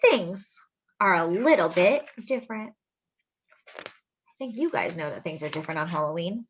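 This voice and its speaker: At story time, a woman reads a picture book aloud to young children in a sing-song, expressive way, drawing out phrases and adding little asides and questions. Her voice is fairly low with a breathy edge, and the audio sounds dull.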